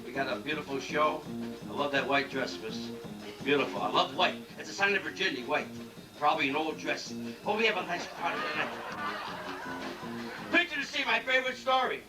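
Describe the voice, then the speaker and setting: A man doing a stand-up comedy routine in a ship's cabaret lounge, telling jokes in a brash, rapid-fire way and teasing the audience. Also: on the high side, very animated. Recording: echoey lounge recording from far off with band music.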